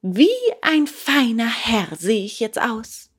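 Woman doing a squeaky wooden puppet boy. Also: takes it slowly, husky, full character voice. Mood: happy. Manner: high, pleading, excitable. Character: eager wooden puppet boy, whiny and impulsive.

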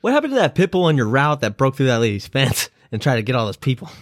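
A man's voice: mid-range voice, very animated, quick pace, no echo, studio quality. A man co-hosting a casual podcast, tossing in short reactions and blunt, profane questions. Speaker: podcast co-host. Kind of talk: casual chat over beers.

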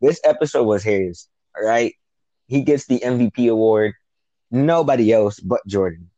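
A man hosting a casual TV recap, telling the story with lively energy and acting out quoted lines. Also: medium pitch, moderate pace, no echo, lo-fi sound. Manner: animated, acts out quotes, swears casually. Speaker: podcast co-host.

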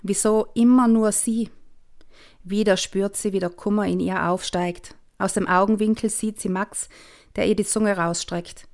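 A woman, reading aloud from her own children's book, calm and expressive, sometimes dropping to a hush. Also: mid-range voice. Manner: calm, expressive storyteller with soft hushed passages. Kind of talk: storybook reading.

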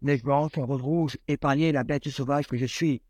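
A man voicing a large, gentle talking brown bear in a read-aloud fairy tale, speaking in a calm, friendly way. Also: medium pitch, normal speed, dry recording, natural voice.

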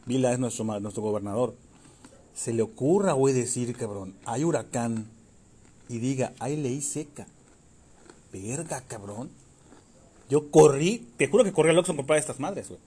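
Swearing Mexican man with a husky, lively voice. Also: mid-range voice, normal speed, pauses often. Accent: Mexican Spanish. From Yucatán, Mexico. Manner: crude, swears constantly, jokey. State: scratchy throat, clearing it. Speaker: podcast co-host. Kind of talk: casual chat.

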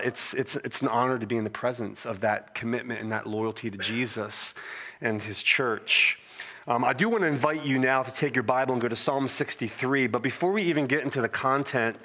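In a church sanctuary, a middle-aged pastor from Philadelphia introduces his sermon in a chatty way, frequently starting over. He has a Philadelphia accent and a medium-pitched voice that is bright and forceful.

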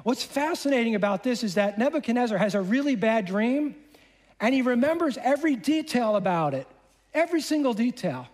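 A man's voice: very high voice, brisk. A man preaching a sermon, retelling a scripture story in a casual, conversational way and acting out the characters' lines. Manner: animated, acts out dialogue in voices.

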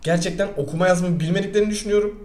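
Fast-talking young man, mellow voice, roomy echo. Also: sits high. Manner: rambling, joking, animated storytelling. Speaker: podcast co-host. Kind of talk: casual chat.

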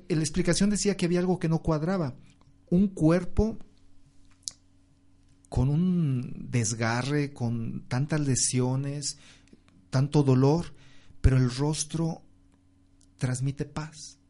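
A man tells of his faith in a reflective, devout way. His voice is dark and mellow, and he pauses often on soft fillers. When he quotes people, his pitch jumps up to act them out. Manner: acts out quoted speech with raised pitch. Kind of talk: personal religious testimony in conversation.

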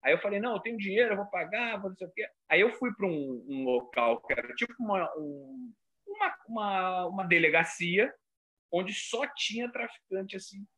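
A comedian from Rio de Janeiro with a carioca accent, telling stories in a casual chat and acting out voices. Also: male voice, sits high, moderate pace. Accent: Rio de Janeiro Portuguese. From Rio de Janeiro, Brazil. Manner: animated, acts out voices in his stories. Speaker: comedian guest. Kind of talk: casual storytelling.

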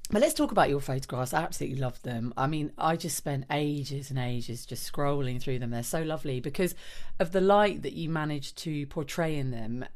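A woman hosting an interview, asking enthusiastic, rambling questions full of fillers. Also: deep voice. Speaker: interviewer host.

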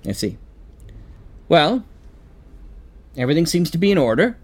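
An actor playing a polite, measured police officer who quietly probes in an old-time radio horror drama. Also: male voice, fairly high pitch, very animated, husky. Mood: satisfied, polite. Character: courteous, quietly probing male police officer.

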